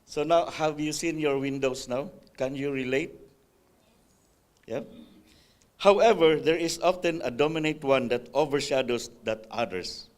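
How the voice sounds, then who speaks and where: A man's voice: on the high side, unhurried. Man reading aloud, adding asides. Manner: reads a text aloud, adding spontaneous comments and checks like "right?"; occasional hesitations and restarts. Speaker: Sabbath school speaker. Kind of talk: church class talk, reading with asides.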